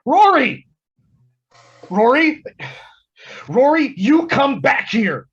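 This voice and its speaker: Casting: actor voicing a husky, wildly animated boyish imaginary friend, over dull video-call audio. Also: male voice, high voice, a little slow, full character voice. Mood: frantic. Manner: lively, swings from playful to desperate. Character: boyish male imaginary friend, wild and playful. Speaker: actor in a play reading. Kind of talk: online play reading.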